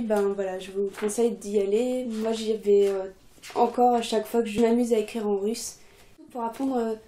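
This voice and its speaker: A young adult woman giving a casual video lesson, relaxed and chatty with many fillers. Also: fairly high pitch, roomy sound, slight background noise. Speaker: Russian teacher, channel coordinator.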